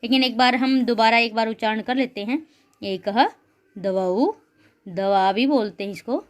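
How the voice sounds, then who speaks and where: A woman teaching a class of children in a patient, encouraging way, slowly as she drills the words and calling her students "beta ji". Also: on the high side, fairly even intonation.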